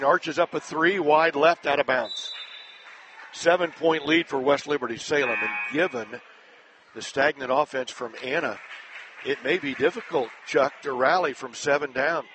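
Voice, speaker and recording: A man announcing a live high school basketball game play-by-play, brisk and climbing higher and louder when a play breaks open. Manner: brisk, rising sharply in pitch and volume on big plays. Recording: broadcast with loud crowd noise.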